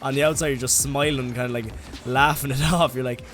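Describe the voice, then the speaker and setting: A man's voice: mid-range voice, steady tone, a little fast, a bit bright, a little hiss or hum. A young man with an Irish accent, ranting comically in a rambling, sweary way full of "like"s. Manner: rambling, sweary, heavy use of "like". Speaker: vlogger. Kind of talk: comedic rant.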